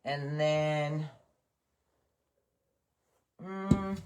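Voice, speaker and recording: A woman's voice: sits low, very slow, a little mellow, slight background noise. An older woman hosting a craft livestream, chatting casually and rambling happily with her viewers. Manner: chatty, rambling, enthusiastic about bargains. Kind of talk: casual live-stream chat with viewers.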